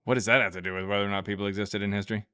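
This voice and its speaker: Man, live stream host, bright tense voice, blunt, laughs often. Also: fairly low pitch, level tone, racing, smooth. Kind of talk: casual debate chat.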